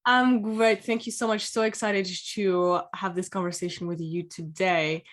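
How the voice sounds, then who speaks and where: A woman's voice: mid-range voice, level tone, moderate pace. A woman hosting a career interview show, with a mid-range voice. Her delivery is upbeat and welcoming, with the neat phrasing of prepared introductions.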